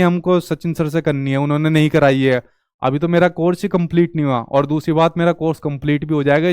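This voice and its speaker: Young male tutor, exam-prep lecture. He repeats his own questions back to the class and fills in the answers. Higher voice. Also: darkish tone, smooth, dry recording, studio quality. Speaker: teacher.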